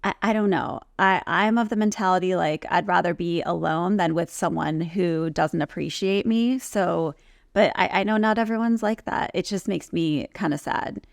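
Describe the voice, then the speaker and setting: A woman with a creaky edge to her voice, recorded close and dry, co-hosts a reality TV recap. She talks casually and conversationally, retelling who said what. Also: fairly low pitch, moderate pace, no room sound. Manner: conversational, acts out quotes in reported speech. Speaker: podcast co-host recapping reality TV. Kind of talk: casual chat, TV recap commentary.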